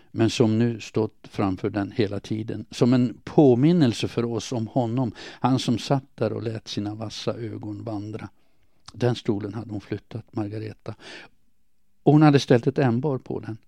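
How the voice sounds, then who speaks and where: Male narrator, gravelly and mellow, quiet somber diary reading, dry close sound. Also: mid-range voice, no room sound. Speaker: audiobook narrator. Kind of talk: first-person diary reading.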